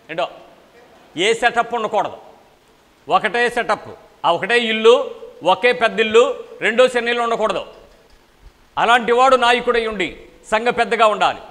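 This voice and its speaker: A man's voice: sits high, a bit bright. A man preaching a sermon with emphasis, firing repeated questions at the congregation. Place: church meeting hall. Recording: long hall reverb.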